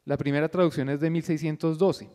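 A man with a fairly high voice gives a didactic talk, stopping now and then to ask if his listeners follow. He thinks aloud with small fillers and restarts as he explains. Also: fairly even intonation, a little fast, mellow. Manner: didactic, checks in often with a questioning "yes?". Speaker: lecturer at a pre-concert talk. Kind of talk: explanatory lecture.

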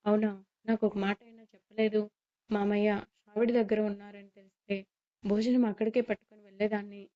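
A woman's voice: mid-range voice, little pitch movement, a little fast, natural voice. A woman voicing a dutiful young daughter-in-law. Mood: subdued. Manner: polite and reassuring. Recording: slightly muffled lo-fi recording.

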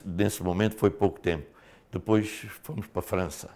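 An older man from Mozambique, a former liberation fighter, telling his story in a studio interview with animated delivery and frequent casual fillers. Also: sits low, normal speed.

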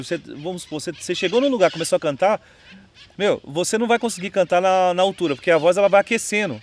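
A Brazilian man with a Brazilian Portuguese accent, teaching singing in a casual video lesson, chatty, often checking in with "entendeu?". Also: sits high. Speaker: music teacher. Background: his own guitar playing.

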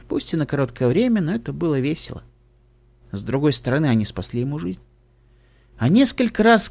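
A man reading an audiobook aloud in an expressive storytelling manner. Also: a little high. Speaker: audiobook reader. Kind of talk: audiobook narration.

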